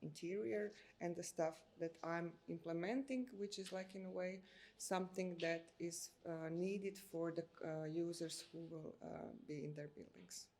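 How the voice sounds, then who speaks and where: Speaking at a fairly low pitch in a steady, darkish tone, a Croatian-accented architect in her thirties from Croatia responds to interview questions. She goes slowly and hesitantly, with frequent filler sounds as she gropes for the right words.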